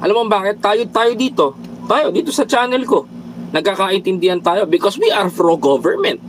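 A man's voice: sits high, expressive, moderate pace, slight background noise, rough recording. A man from the Philippines doing a casual political commentary livestream, preaching to his viewers, reading their comments and dropping English phrases into his talk. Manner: preachy, repeatedly addresses viewers as brothers and countrymen.

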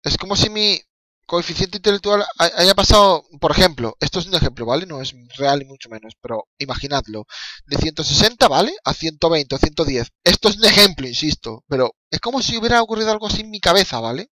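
A young man from the Canary Islands commentating his own football video game on a live stream, rambling and excitable with swearing and laughing asides. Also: on the high side, fast talker, dry recording.

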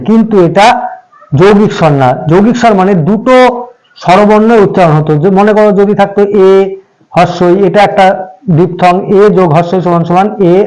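A man's voice: sits high, darkish tone, rough recording. A man teaching English pronunciation, spelling out letters one by one and repeating each sound patiently. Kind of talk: slow classroom explanation.

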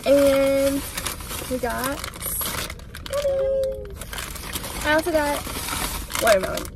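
High-voiced young woman, chatty, laughing. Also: big pitch swings, drawn-out words, distant mic, very noisy. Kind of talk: casual chat. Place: inside a car.

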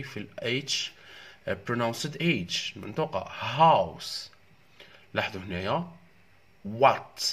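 A young Algerian teacher talks through an English exam in a low, slightly husky voice. He spells out each English phrase slowly and then rushes through the Arabic explanation. His voice is close to the mic. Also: a bit bright. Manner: slow drilled English words, quick Arabic explanations. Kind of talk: exam walkthrough lesson.

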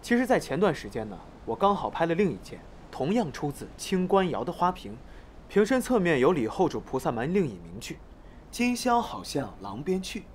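Polite rich young man, fairly high lively voice, formal, measured, TV drama. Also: slight background noise. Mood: polite, composed. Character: polite, composed wealthy young male heir. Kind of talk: formal interview statement.

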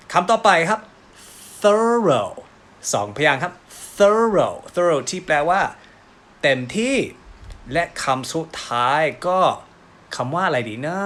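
A man with a Northeastern Thai accent teaching English pronunciation, drawing out each word slowly as he models it. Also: a little high, bright, forceful tone. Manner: slow, drawn-out word modelling. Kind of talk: pronunciation lesson.

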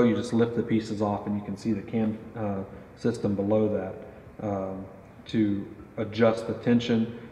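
This man, in his thirties, has a fairly low, mellow voice. At an indoor range he casually interviews a guest and explains archery gear as a company pro staff interviewer, a product interview studded with fillers. Audio is dull with roomy echo and faint noise.

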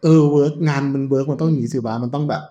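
A man's voice: medium pitch, very fast, dark tone, lo-fi sound. A man, the senior on the team, leading a casual podcast chat, blunt with slang.

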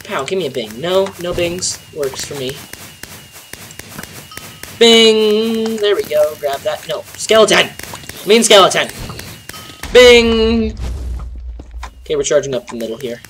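A young man with a stuffy, nasal voice casually commentating a game, joking around and shouting bursts of excitement at the action. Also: fairly high pitch, fairly quick, soft background music. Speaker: gameplay commentator. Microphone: home desk mic.

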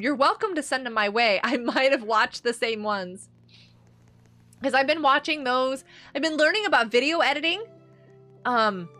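Chatty mom streamer on a headset mic, crisp bright voice, laughs a lot. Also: female voice, high-pitched. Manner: chatty, greets viewers by name, laughs often. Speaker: livestream host and homeschooling parent. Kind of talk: casual livestream chat while playing a game.

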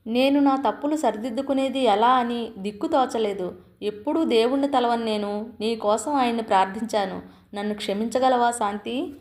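A woman's voice: on the high side, normal speed, close to an everyday voice. A woman voicing an older husband who pleads tearfully for his wife's forgiveness in an audio story. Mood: remorseful.

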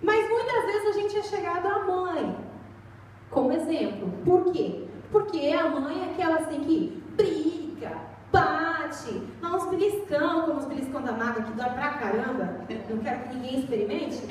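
A woman's voice: sits high, animated, normal speed, slight background noise. A young Brazilian woman preaching a sermon in a church, chatty and storytelling, recorded from far off in an echoey hall. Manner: chatty storytelling, acts out voices.

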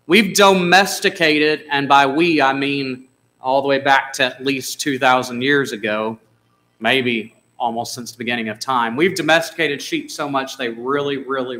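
Man preaching in a church, bright voice, conversational, asks the congregation questions. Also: mid-range voice, rough recording. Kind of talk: sermon. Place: church sanctuary.

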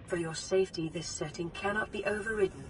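A gentle care robot. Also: female voice, on the low side, noisy background. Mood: calm. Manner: gentle, even, measured machine delivery. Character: calm female computer assistant monitoring a survivor. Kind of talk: scripted game AI announcements. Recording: voice under loud game music.

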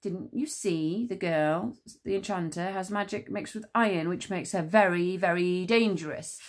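A woman voicing an excitable, pompous male druid commander in a read-aloud story. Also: on the low side, moderate pace, close to an everyday voice. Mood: urgent. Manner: pompous and frantic.

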